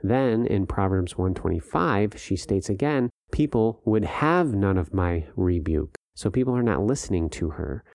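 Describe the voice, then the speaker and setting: A man's voice: fairly low pitch, lively intonation, moderate pace, gravelly, few pauses, darkish tone, dry recording, clean studio sound. A man co-hosting a podcast, teaching from scripture and asking rhetorical questions. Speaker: podcast co-host. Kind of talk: bible teaching discussion.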